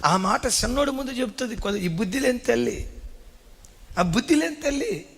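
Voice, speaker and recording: A man preaching a sermon as pastor, swinging his pitch widely and calling for amens. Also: animated, moderate pace, gravelly, fairly bright tone, slightly rough. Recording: reverberant hall.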